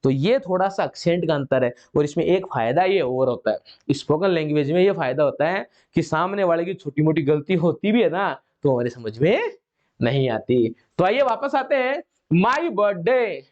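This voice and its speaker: A man's voice: fairly high pitch, animated, normal speed, darkish tone, highs cut off. A man from India teaching English grammar to a class, explaining step by step and repeating his own questions before answering them.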